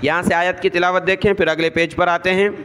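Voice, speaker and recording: A man teaching Quran reading, spelling out letters one by one and then reciting each verse slowly and drawn out. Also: high-pitched, little pitch movement, a bit bright, smooth.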